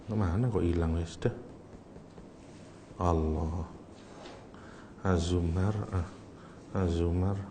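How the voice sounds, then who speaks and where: A middle-aged man with a light tinge gives an animated religious lesson, his pitch jumping up when he acts out cries of grief. He teases his listeners, laughs easily and quizzes them, while a faint hum of room noise sits behind him. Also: slow pace, long pauses. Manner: teasing and animated, acts out Arabic cries with sudden high voice; laughs often, asks the audience questions. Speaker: Islamic teacher. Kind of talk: lecture on Quranic language.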